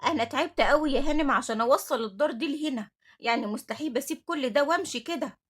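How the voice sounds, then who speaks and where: A woman's voice: high-pitched, rapid-fire, close to an everyday voice. A woman reading a scheming older orphanage supervisor with an Egyptian accent. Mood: defensive. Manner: defensive, protesting.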